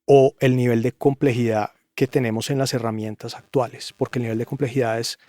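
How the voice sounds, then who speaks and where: A man's voice: mid-range voice, fairly even intonation, brisk, dark tone, dry recording. A man guesting on a podcast interview, talking emphatically and with strong opinions. He keeps pressing his point with rhetorical questions in a middling voice. The sound is close and dry. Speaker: guest, audio engineer.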